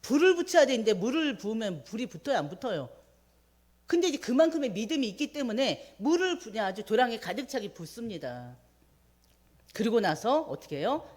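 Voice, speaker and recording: A woman preaching a midweek sermon, retelling a scripture story with animated voices for the quoted prayers. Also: fairly high pitch, a little fast.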